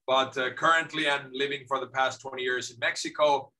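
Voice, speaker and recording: A middle-aged Finnish man joins a casual video-call interview as a guest from his home office. He talks in a lively, fairly quick way at medium pitch, often repeating words as he starts a sentence. The recording is rough.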